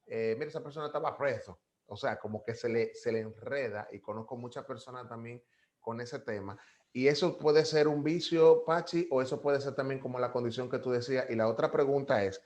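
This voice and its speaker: A man's voice: medium pitch, fairly even intonation, brisk, a little mellow. A man chats on a radio show. He talks in a loose, rambling way and slips in small jokes. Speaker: radio co-host. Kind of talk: casual radio chat.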